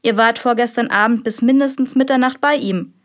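A woman's voice: fairly high pitch, brisk, lightly acted. A woman voicing a stern, sarcastic male magistrate. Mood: interrogating. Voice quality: sharp, biting sarcasm. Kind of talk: audiobook character voice.

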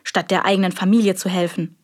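A woman's voice: lowish voice, flat delivery, quick pace, lightly acted. A woman reading an audiobook, voicing a defensive merchant in his thirties who speaks in a velvety, haughty manner. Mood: agitated. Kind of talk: audiobook character voice.

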